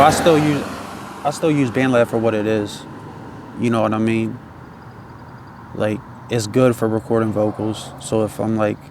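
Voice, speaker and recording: A man's voice: lowish voice, darkish tone, a little hiss or hum. A man chatting casually in a loose, laid-back stoner drawl, rambling with slang and swearing. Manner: slangy, swearing, repeats tag phrases. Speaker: independent music artist.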